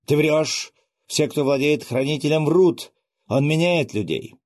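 Raised-voice hothead: a man playing a defiant young fighter, shouting, dry close read. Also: mid-range voice, animated, normal speed, dry recording, pitched above the performer's own voice. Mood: furious. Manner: shouting, furious.

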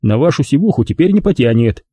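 A stout army captain, acted by a man sounds hearty and patronizing. The delivery is lively and swings widely in pitch. The voice has a dark, husky color. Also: fast talker, dry recording, clean studio sound. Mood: jovial.

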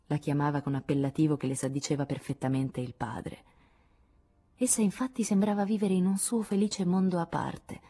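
A woman reading a novel aloud in scripted audiobook narration, at a measured, even pace. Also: low voice, breathy edge. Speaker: audiobook reader.

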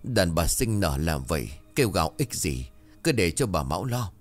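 A man's voice: low-pitched, very animated, normal speed, faint music behind. A man voicing a jealous, ruthless older first wife who speaks coldly and hisses commands. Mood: contemptuous. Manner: cold, contemptuous, hissing.

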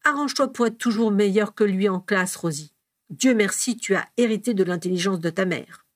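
A woman doing a low, mumbling, teasing Ron. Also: moderate pace, dry recording, studio quality, lightly acted. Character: grown man, a teasing, joking father.

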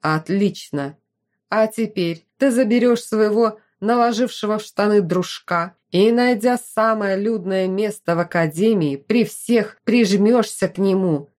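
A hot-tempered young fire mage growls and snaps his threats in slow, weighty phrases, as a woman reader puts him on. His tone sits low and mellow rather than sharp. He is a protective figure in a fantasy audiobook. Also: natural voice. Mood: furious, growling. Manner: growling, snapping.

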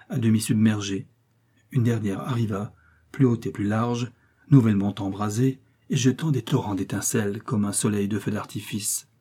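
Low, husky male audiobook narrator. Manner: measured, steady storytelling.

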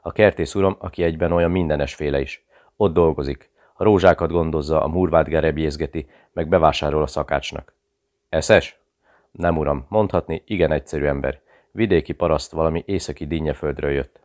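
A man voicing a gruff, impatient male army sergeant in an audiobook, speaking brusquely. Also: extremely low pitch, fairly even intonation, a little mellow. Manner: brusque, exasperated.

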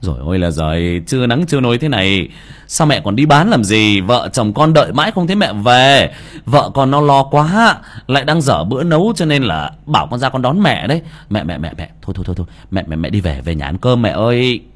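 A man's voice: sits low, animated, normal speed, pauses often, pitched below the performer's own voice. A man voicing a greedy, fawning grown son who stammers, in an audiobook story. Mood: coaxing. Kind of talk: audiobook character voice.

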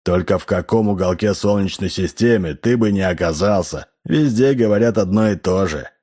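Man doing embittered male station chief, blunt, low-pitched, audiobook. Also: normal speed, mellow. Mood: bitter. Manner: blunt, bitter.

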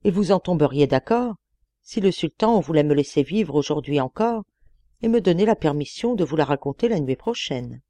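A woman voicing a calm young female storyteller in an audiobook reading. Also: sits low, normal speed, dry recording.

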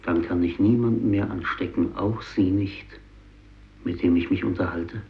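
A gravelly, low-sitting voice with fairly even intonation carries this 1950s German radio drama monologue, where the narrator and lead is a guilt-ridden Japanese fisherman, doomed and the only survivor of his village. Haunted and bitter, the actor speaks solemnly and deliberately, halting with heavy pauses, on a dull vintage radio recording.

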